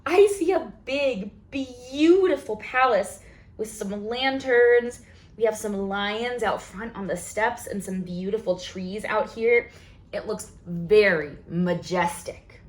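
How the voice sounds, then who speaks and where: A woman with a medium-pitched voice reads slowly through a picture book at a children's library storytime. Her reading is expressive, and she asks the young audience questions and exclaims in wonder.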